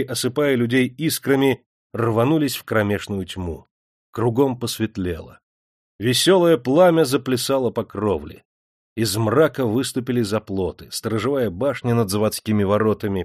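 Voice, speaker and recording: A man reading an audiobook in a measured, dramatic storytelling manner. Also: medium pitch, a little mellow, no echo, clean studio sound. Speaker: audiobook narrator. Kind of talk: scripted narration.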